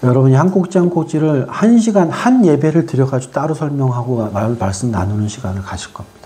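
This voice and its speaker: A preacher delivering a sermon, firing rhetorical questions at the congregation and swinging between loud exhortation and quiet asides. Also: medium pitch, expressive, fast, slight background noise.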